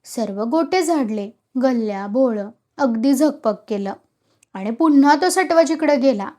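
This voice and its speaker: A woman storyteller reading a rural tale aloud in a lively, expressive narration. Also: sits high, measured pace.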